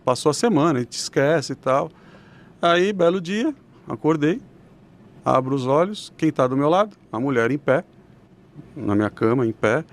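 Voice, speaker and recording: A young adult man telling a personal story in a relaxed, conversational way. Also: fairly high pitch, normal speed, long pauses. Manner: relaxed, conversational, uses fillers like "né". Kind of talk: casual storytelling.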